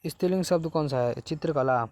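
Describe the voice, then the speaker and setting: A man's voice: a little high, fast talker, darkish tone. A man teaching a lesson, working through exam questions one at a time and repeating each answer to the students.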